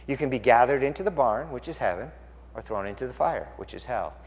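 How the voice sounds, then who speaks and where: Animated preacher man in a reverberant hall. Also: mid-range voice, brisk. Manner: animated, swings from loud exclamations to quiet explanation. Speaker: pastor. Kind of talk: sermon.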